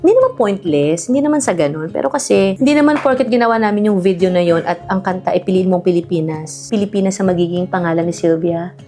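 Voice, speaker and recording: A woman's voice: lowish voice, animated, fast talker, mellow, soft background music. A woman from the Philippines in her thirties, vlogging in a playful, teasing way, laughing often and mixing in English. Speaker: vlogger, singer. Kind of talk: casual vlog reading comments.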